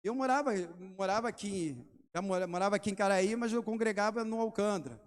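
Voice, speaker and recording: High-voiced Rio-preaching pastor. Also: male voice, fairly quick. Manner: preaching with rhetorical questions and testimony stories. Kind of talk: sermon.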